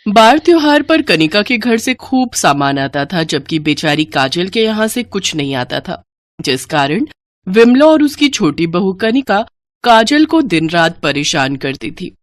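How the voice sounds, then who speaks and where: A woman giving scripted storybook narration in a steady, plain telling. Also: lowish voice, a little slow, no room sound, studio quality.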